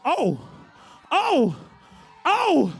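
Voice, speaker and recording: A man's voice: extremely high pitch, wildly swooping pitch, extremely slow, vocal fry. A man hosting a live dance contest as a hype announcer, urging the crowd on with exuberant calls and repeated phrases. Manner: exuberant, shouted exhortations with whoops and repeated phrases. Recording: loud music behind the voice.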